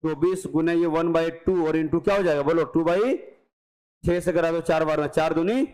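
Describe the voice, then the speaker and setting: A male math teacher giving an exam-prep lecture, brisk and coaxing, often acting out his students' questions and answering them. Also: on the high side, darkish tone, rough recording.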